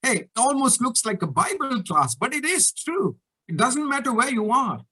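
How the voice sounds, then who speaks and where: A man giving a motivational talk to coaches, telling a story in an animated, emphatic way. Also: very high-pitched, normal speed, husky. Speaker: coach educator.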